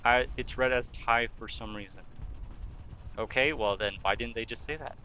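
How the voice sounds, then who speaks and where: With a sharp, mid-range voice at normal speed, this young gamer streams live and keeps up easygoing chatter, reading out and answering viewer questions while talking through his moves. The recording is muffled, with slight background noise.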